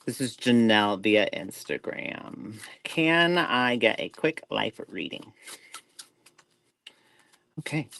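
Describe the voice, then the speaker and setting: A man's voice: fairly low pitch, expressive, takes it slowly, vocal fry, long pauses, sharp tone, rough recording. A man co-hosting a live show, giving a tarot reading in a rambling, self-interrupting way with folksy reassurance. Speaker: tarot reader, co-host.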